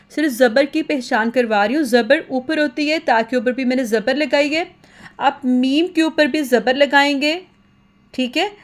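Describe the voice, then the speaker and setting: A woman teaching a children's lesson at a whiteboard, patiently repeating sounds in slow sing-song chants. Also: sits high.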